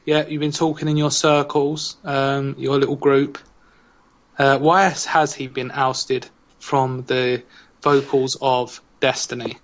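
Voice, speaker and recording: A man's voice: mid-range voice, little pitch movement, slow, highs cut off. A man hosting a podcast, chatting casually and cracking puns. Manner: jokey, punning. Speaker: podcast host.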